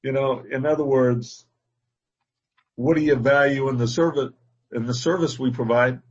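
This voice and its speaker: A man's voice: medium pitch, fairly even intonation, normal speed, breathy edge, dull audio. A man coaching a client on a call, talking things through in a conversational way and often saying "exactly" and "you know". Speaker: business coach.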